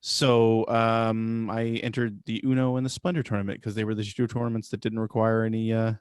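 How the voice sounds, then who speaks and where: A man's voice: on the low side, flat delivery, brisk, a little mellow, clear, resonant tone, no room sound, studio quality. A man co-hosting a podcast, telling a rambling story in casual chat. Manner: rambling, many fillers and restarts. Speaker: podcast co-host.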